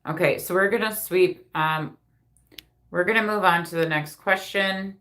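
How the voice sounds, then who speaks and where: A woman's voice: lowish voice, unhurried, a bit bright. A woman hosting a casual live spirit reading, speaking informally and directly to her viewers as a medium.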